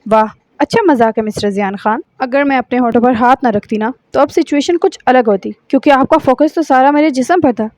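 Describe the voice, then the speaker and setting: A woman's voice: sits high, few pauses, a little mellow, no echo, natural voice. Woman reading as a bitter, sarcastic young woman. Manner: sarcastic, accusing. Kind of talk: audiobook novel reading.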